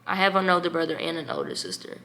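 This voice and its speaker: A young woman vlogger telling a personal story in an emotional, animated way. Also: lowish voice, fast talker. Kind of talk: storytime vlog.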